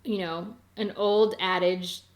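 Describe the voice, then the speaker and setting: A woman's voice: mid-range voice, steady tone, slow pace. A woman hosting a podcast, chatting casually as she recaps episodes, with lots of "like" and "or whatever". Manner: chatty and conversational, full of 'like' and 'or whatever'. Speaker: podcast host. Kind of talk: casual chat recapping a teen drama.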